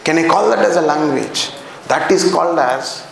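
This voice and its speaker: A man's voice: a little high, animated, moderate pace, gravelly. An Indian man teaching anthropology in a classroom lecture, who keeps asking the class questions and answering them himself. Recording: very echoey classroom, faint background noise.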